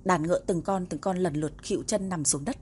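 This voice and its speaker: A woman narrating a martial-arts romance novel in a steady, even reading voice. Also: lowish voice, fast talker, slight background noise. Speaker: audiobook narrator. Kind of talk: storybook narration.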